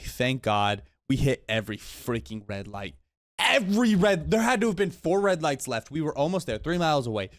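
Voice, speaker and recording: A man's voice: on the high side, no echo, studio quality. A young man telling a storytime vlog, exasperated and rambling, repeating words and using slang. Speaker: vlogger.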